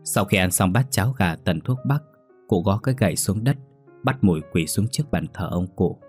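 A man narrating a folk story in a lively storytelling manner. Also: deep voice, moderate pace. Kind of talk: scripted narration. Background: faint piano music.

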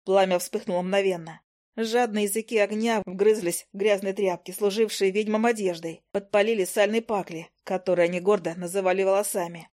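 A woman narrates a first-person fantasy audiobook in a lively, expressive reading. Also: medium pitch, brisk.

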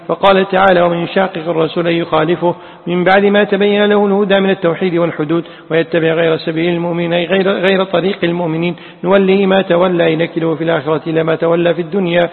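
A man's voice: on the high side, gravelly. A man teaching, reading classical Quran commentary aloud and chanting the quoted verses melodically. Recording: tinny, echoey hall sound.

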